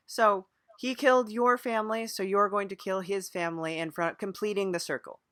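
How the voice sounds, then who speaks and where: A woman hosts an improvised mock podcast interview, casual, agreeable and slightly hesitant while playing it straight. Her mid-range voice is fairly bright with fairly even intonation and a moderate pace, recorded in a clean studio with no room sound.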